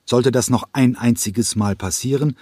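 Guy doing a furious choreographer, yells way up high, husky, dry close sound. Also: normal speed, no echo, natural voice. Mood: stern. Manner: yelling in fury, rising high. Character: hot-tempered male ballet choreographer, explosive. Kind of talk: audiobook character voice.

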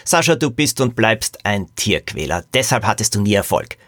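An earnest, indignant animal trainer, read by a man telling the story speaks with emphatic rises and falls. The voice is deep and the recording is close and dry. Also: big pitch swings, normal speed, a bit bright, no echo. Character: down-on-his-luck male animal trainer, indignant.

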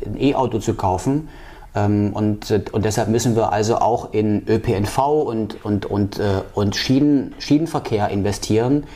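A man's voice: medium pitch, warm tone. A man answering interview questions about policy, with frequent fillers and restarts. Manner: halting, many fillers and restarts. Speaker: political candidate.

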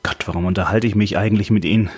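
A man's voice: lowish voice, steady tone, very fast, breathy edge, faint music behind. A man reading an audiobook, voicing a worn-out female ex-detective who speaks bluntly and curtly. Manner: blunt, curt and cutting.

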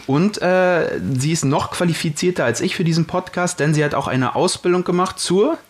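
A man's voice: sits high, normal speed. Guy co-hosting a podcast, jokey and chatty. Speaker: podcast co-host. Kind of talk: casual chat.

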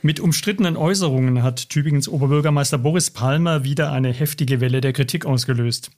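A man hosts a newspaper podcast, his voice sitting a little higher than most men's. He introduces the topic and asks measured questions with a calm, steady delivery. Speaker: podcast host.

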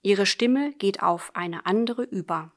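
A woman reads a literary story aloud in the voice of a letter writer. Her delivery is measured and earnest, speaking to a close friend. Her pitch sits in the middle range. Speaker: audiobook reader. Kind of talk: literary audiobook narration, letter form.

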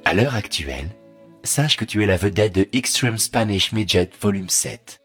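A man's voice: lowish voice, normal speed, fairly bright tone, soft background music. A man voicing a sardonic, menacing male artificial intelligence with a robot voice, mock-polite and sneering. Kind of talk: comedy sketch monologue.

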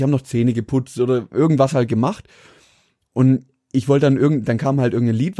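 Male co-host, 30s, mellow tone, anecdotal and chatty. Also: mid-range voice, no echo, clean studio sound. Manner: rambling anecdotal storyteller, laughs often. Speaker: podcast co-host. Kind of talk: casual chat.

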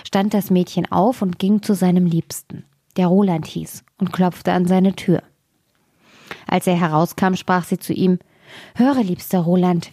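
Low-voiced woman reading a fairy tale. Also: a little mellow, no room sound, studio quality. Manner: measured storytelling, dropping to a whisper at grim moments. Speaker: fairy-tale podcast narrator.

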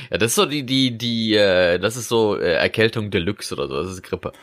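Rambling low-voiced man chatting. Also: expressive, normal speed, fairly bright tone. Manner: rambling, laughs often, restarts sentences. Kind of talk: casual chat.

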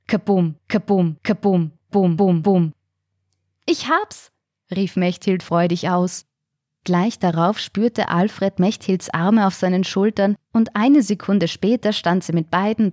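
A woman reading a story aloud in a measured, calm storytelling manner. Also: fairly low pitch, dry recording, studio quality. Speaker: narrator. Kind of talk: audiobook narration.

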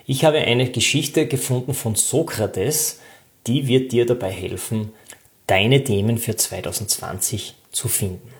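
A man's voice: mid-range voice, a little slow. Direct, instructive male self-help coach. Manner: direct, addresses the listener informally.

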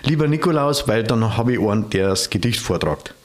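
A man's voice: fairly low pitch, a little fast. A man co-hosting a podcast, chatting with laid-back, dry quips. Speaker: podcast co-host. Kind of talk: casual chat.

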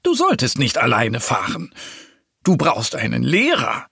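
A kindly grown-up wild boar from a children's story, voiced by a man, speaking gently and like a father. His tone is slow and a little husky, and the recording is dry and close. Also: medium pitch, wildly swooping pitch, no echo, exaggerated voice.

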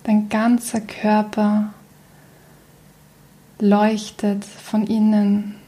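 A woman leading a guided meditation in a soft, breathy, near-whispered voice, calm and soothing with long pauses. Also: medium pitch, low-quality recording.

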